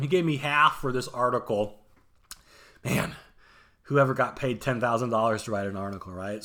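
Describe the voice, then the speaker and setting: A man's voice: medium pitch, pushed and bright. A man in his thirties telling a self-mocking story in a casual, chatty vlog. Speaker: vlogger.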